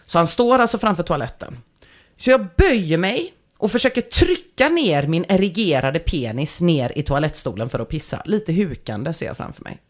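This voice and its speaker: A woman reads a story aloud on a talk show, her pitch swinging widely from low to high. She tells it with energy and breaks into laughter now and then, keeping it lively. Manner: animated, laughing through the story. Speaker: podcast host reading a story aloud. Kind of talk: reading a listener story aloud with comments.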